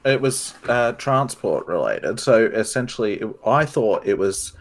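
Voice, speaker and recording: Australian man, fairly low voice, rambling delivery, casual podcast conversation. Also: lively intonation, measured pace.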